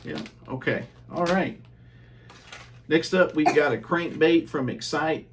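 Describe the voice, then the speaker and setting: A man's voice: a little high, slow, a little hiss or hum. Easygoing man reviewing fishing baits. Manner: relaxed, chatty, many ums and uhs. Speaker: fishing channel host. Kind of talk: casual bait review.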